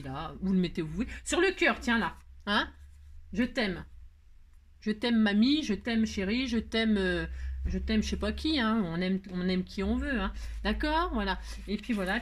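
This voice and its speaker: A woman's voice: medium pitch, slight background noise. A French woman hosting a crafting tutorial, chatting casually to viewers as she works, humming little tunes and scolding herself over slips. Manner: chatty, talks to herself while working, hums little nonsense tunes; expressive, scolds herself when upset. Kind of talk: casual live crafting chat.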